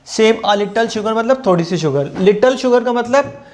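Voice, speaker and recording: High-voiced man teaching grammar. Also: expressive. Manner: explains in Hindi, reads English examples slowly; asks the class questions, then answers himself. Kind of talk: exam-prep grammar lesson.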